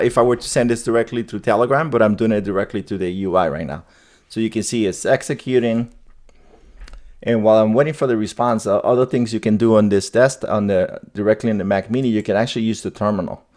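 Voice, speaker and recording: A man with a somewhat low, slightly mellow voice hosts a tech video, walking informally through a casual tutorial screen demo. He thinks aloud as he goes and often repeats his phrases.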